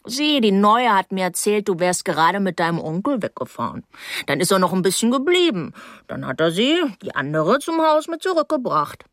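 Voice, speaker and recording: A woman voicing a sly, gossiping old night nurse in a storybook reading, drawling slowly. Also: mid-range voice, big pitch swings, a bit bright, no echo, clean studio sound. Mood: gossipy.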